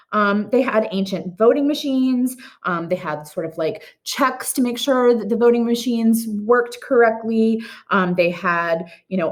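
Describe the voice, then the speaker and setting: A woman teacher giving a recorded art history lecture in a casual way, with many ums and restarts. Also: a little high. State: has the hiccups.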